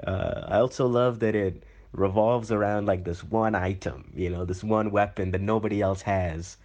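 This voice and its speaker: A man's voice: on the low side, fairly even intonation, normal speed, darkish tone, lightly acted. A man playing an upbeat, chatty male caller who gushes with fillers. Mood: enthusiastic. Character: chirpy enthusiastic male caller.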